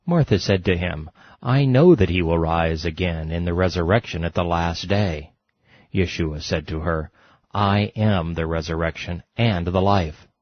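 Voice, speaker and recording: A man reading scripture passages in a solemn, steady manner. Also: sits low, no echo, dull audio. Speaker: scripture reader.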